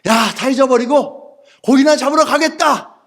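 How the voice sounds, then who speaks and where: A preacher voicing a brash, fed-up Peter. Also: male voice, very high-pitched, moderate pace, fairly bright tone, voice pushed up, heavily acted. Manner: brash and dismissive. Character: impulsive, fed-up apostle Peter, adult man.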